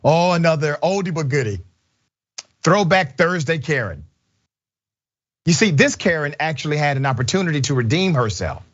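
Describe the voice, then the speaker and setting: A man's voice: fairly high pitch, expressive, normal speed, long pauses, highs cut off. A man hosting a commentary show, talking through viral clips and giving his verdict.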